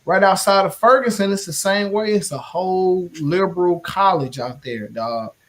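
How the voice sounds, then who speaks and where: St guy, organizer, cussing and animated, kinda higher voice. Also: normal speed. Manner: animated, swearing storyteller. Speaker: community organizer. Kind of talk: casual chat.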